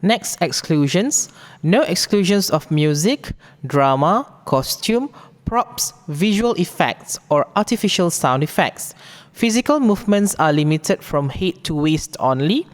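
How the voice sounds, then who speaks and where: A woman with a Malaysian accent presents a formal briefing, reading out rules in a deliberate, instructive way. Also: on the low side, expressive. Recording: long echoing hall reverb.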